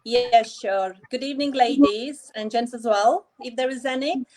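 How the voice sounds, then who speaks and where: Hesitant woman from Latvia, slightly high. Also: darkish tone, a little hiss or hum, rough recording. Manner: hesitant, halting. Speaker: guest. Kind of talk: online event chat.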